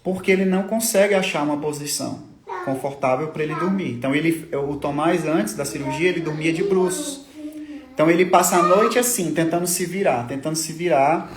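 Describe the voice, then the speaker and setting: A man, a father, telling his family's hard story in a halting, tearful way, often repeating his words. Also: a little high, lively intonation, crowd noise. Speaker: father of a sick child. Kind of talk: emotional personal testimony on a livestream. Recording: echoey room.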